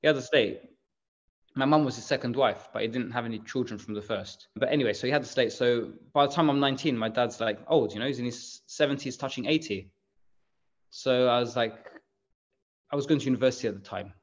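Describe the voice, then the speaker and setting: A man's voice: mid-range voice, brisk. A man in his thirties, guest on an interview over a video call, talking in a rambling, chatty way with frequent restarts and laughs. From England. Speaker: bakery managing director, guest. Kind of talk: casual interview chat. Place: room at home. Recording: slightly dull video call audio.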